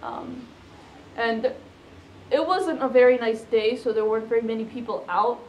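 A young woman answers questions in a casual, halting way, leaning on fillers. Her voice sits a little high. The room around her is echoey, with a faint hum of noise. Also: darkish tone. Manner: hesitant, many fillers and "like". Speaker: interviewee, fursuiter.

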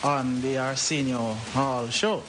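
A man with a Jamaican accent interviews a musician for radio in a casual chat, speaking slowly in a medium-pitched voice with fairly even intonation. He probes and frequently restarts his questions, and the old interview tape is noisy.

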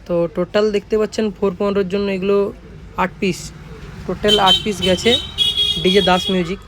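A workshop owner from Jhargram, West Bengal, India, speaking with a West Bengal accent, presents a casual vlog, restating his points and tacking on tag phrases to check his viewers agree. His voice is high and level in tone, his pace brisk, and the recording very noisy.

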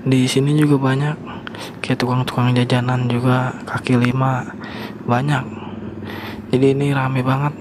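A man's voice: mid-range voice, measured pace, long pauses. A young man, chatting casually to viewers while riding a motorbike through town, recorded outdoors over traffic. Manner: slangy, relaxed, talks to viewers. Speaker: motovlogger. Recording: traffic and wind noise.

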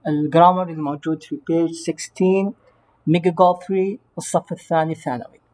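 A man, an English teacher giving a recorded grammar lesson, who explains patiently and slows down to pronounce English words. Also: a little high, fairly even intonation, darkish tone.

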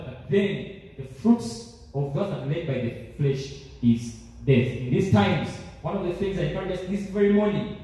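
A young man preaches from the pulpit in a fervent, repetitive way, with his voice sitting high. His tone is mellow and dark rather than bright. The recording is caught from far off in a big, echoing church hall. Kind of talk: sermon. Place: large church sanctuary, standing at a pulpit. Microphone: handheld mic, filmed by a far camera.

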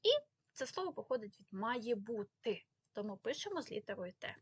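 A woman's voice: medium pitch, sing-song, fast talker, slightly rough, no room sound. A woman giving a spelling lesson, explaining rules and carefully stressing the example words. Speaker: language teacher.

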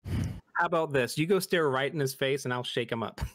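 A man's voice: medium pitch, normal speed, a bit bright, no echo, studio quality. A young man chatting casually as a player in a tabletop role-playing game. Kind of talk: casual in-character role-play chat.

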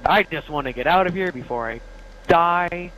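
A man chatting casually while playing a game with friends, rambling and quick to exclaim. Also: on the high side, bright, forceful tone, slight background noise, low-quality recording. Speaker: co-player. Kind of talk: casual gameplay chat.

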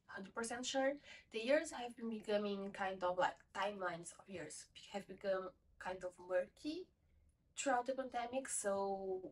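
Speaking at a measured pace in a mid-range voice, a young woman reviews a book informally in a bookshelf-filled room at home. She comes from a Portuguese-speaking country, Portuguese is her first language, and she rambles and corrects herself as she goes. The camera is placed a little away, leaving the audio distant and poor.

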